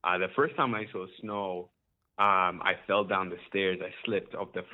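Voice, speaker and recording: Low-voiced Ugandan-born man on a tinny line. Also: fairly even intonation, moderate pace. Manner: hesitant, many ums, laughs often. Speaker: musician guest. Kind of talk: casual interview.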